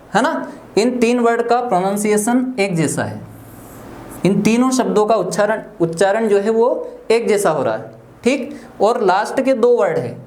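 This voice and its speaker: A man with a high-pitched voice and a darkish tone gives a classroom English lecture, spelling words letter by letter. He checks often that the students are following, using "theek" and "clear hai" frequently. The room is echoey with faint room noise.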